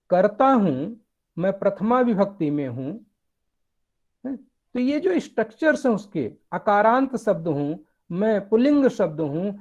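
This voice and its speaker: A man giving a lecture, explaining step by step with animated emphasis. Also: high voice, dull audio. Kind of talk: academic lecture.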